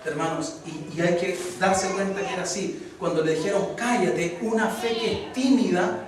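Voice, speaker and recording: A man's voice: high voice, moderate pace, a crowd in the background. A male pastor preaching a sermon and asking the congregation rhetorical questions. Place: church hall. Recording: echoey church, distant mic, noisy.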